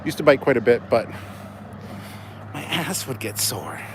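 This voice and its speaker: Walking along city streets near traffic, a livestream host chats casually in a rambling, joking, sweary way. His voice is medium-pitched, expressive and a little slow. The recording is noisy, with cars passing on the street.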